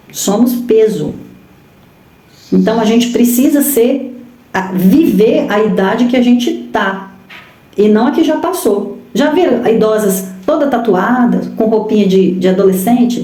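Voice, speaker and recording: A woman's voice: on the high side, dark tone. A woman with a Brazilian Portuguese accent gives a sermon to women, emphatic and full of rhetorical questions to her listeners. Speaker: women's ministry speaker. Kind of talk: sermon on marriage and parenting. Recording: echoey room.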